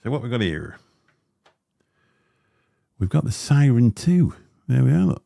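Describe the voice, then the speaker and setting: Unboxing gear on a casual livestream, a male host rambles through chatty asides packed with fillers. His deep, mellow voice shows vocal fry and big pitch swings, and he talks a little slowly. A close-up dynamic studio mic gives a studio-quality sound with no room noise.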